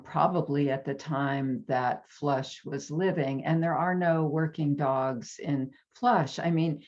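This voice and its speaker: A woman's voice: deep voice, muffled recording. A woman presenter in an academic panel discussion on a video call. She speaks thoughtfully and trails off with fillers.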